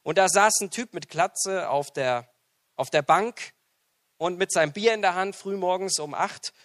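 A man preaching a sermon, who tells a personal story and acts out the dialogue in it, with big swings between loud and quiet. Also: sits high, a little slow.

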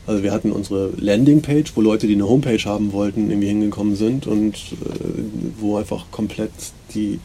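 A man hosting a podcast and musing casually, in a rambling, hesitant way with many fillers, heard on a low-quality recording. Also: steady tone, brisk, hardly any pauses, mellow, slight background noise. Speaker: podcast host. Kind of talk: casual reflective monologue.

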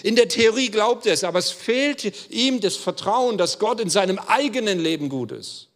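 A man's voice: high voice, expressive, moderate pace. A man preaching a sermon as pastor, speaking earnestly and emphatically straight to his listeners. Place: church hall. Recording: long church-hall reverb.

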